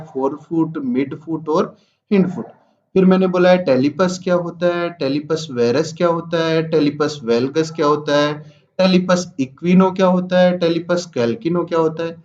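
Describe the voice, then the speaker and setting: A man's voice: high voice, warm tone, muffled recording. A man teaching nursing students over slides, who repeats each point and asks and answers his own questions.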